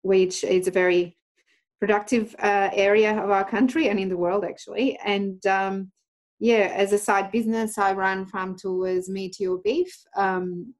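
A woman with a blended Australian and Portuguese accent answers questions warmly, pausing often with ums. She sounds like she is calling in remotely for an interview. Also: medium pitch, steady tone. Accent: Australian mixed with Portuguese. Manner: hesitant, many ums, friendly. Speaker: farmer and tour guide.

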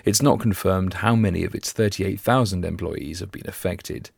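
A man with a croaky, gravelly voice after flu, reading scripted news for a podcast in a measured, formal way. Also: sits low, no room sound, studio quality.

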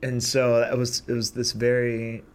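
A young man earnestly telling a personal story about growing up and joining a singing community, reflective and unhurried. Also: medium pitch, completely flat delivery, slight background noise. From Portland, USA. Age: young adult. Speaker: singer telling his story.

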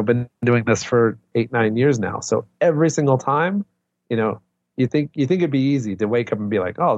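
A man's voice: on the low side, no room sound. A man chatting casually as an interview guest, on slightly lo-fi audio. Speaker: podcast guest, real estate investor. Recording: slightly dull lo-fi connection.

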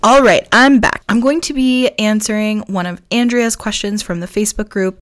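A woman hosting her own podcast, slightly hoarse from losing her voice, explaining things in a chatty way with frequent "like" fillers. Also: medium pitch, fairly even intonation, normal speed, dry recording, clean studio sound. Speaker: podcast host. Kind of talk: casual solo podcast talk.

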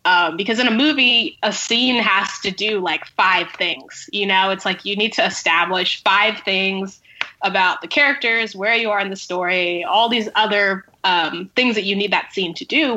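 On a casual podcast, a woman who writes novels and screenplays talks conversationally, leaning on "like" and "sort of." Her voice is medium in pitch with a sharp tone, and the recording sounds muffled.

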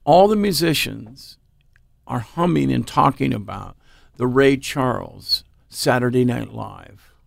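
A man's voice: medium pitch, lively intonation, takes it slowly, vocal fry, no room sound, studio quality. A man from Oregon, a blues musician, casually tells an anecdote in an interview and acts out the quoted dialogue in different voices. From Oregon, United States. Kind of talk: casual storytelling.

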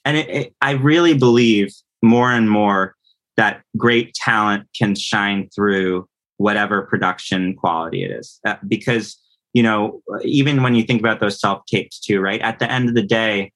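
A man in his thirties, a composer and audio producer, appears as a casual interview guest, explaining things and often checking in with the listener. His voice sits on the low side with a slightly bright quality, and he speaks at a normal speed.

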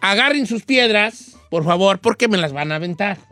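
A man hosts a comic radio show, joking in slang and slipping into other people's voices. His voice sits very high and sounds bright. The recording is dry and close. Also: expressive, normal speed, no room sound, faint music behind.

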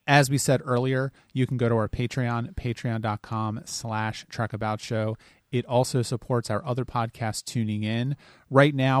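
A man's voice: medium pitch, no echo. Man, podcast co-host, casual chat, dry close sound. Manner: plain, chatty, reads listener reviews.

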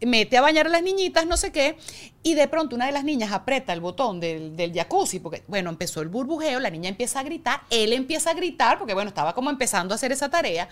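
Animated woman therapist telling stories. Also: fairly high pitch, fast talker. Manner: animated storyteller, acts out clients. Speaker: therapist guest. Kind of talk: conversational interview.

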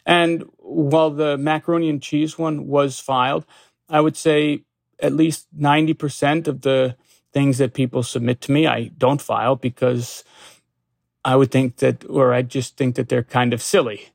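Measured, gravelly male lawyer in interview. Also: mid-range voice, level tone, dry recording. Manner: measured, hesitant, many fillers and restarts. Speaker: consumer protection lawyer. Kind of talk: interview answers.

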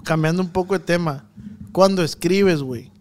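A man, talking in a somewhat high voice. His talk is loose and slangy, full of fillers and restarts, like a relaxed podcast host trading stories with a friend. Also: normal speed, slight background noise. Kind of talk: casual chat.

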